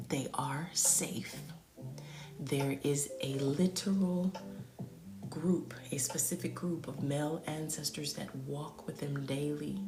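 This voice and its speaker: A woman doing a live spiritual reading for viewers, soothing and affirming, often half-whispering and calling them pet names. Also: low-pitched. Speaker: spiritual reader on a live stream. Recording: echoey room with music behind.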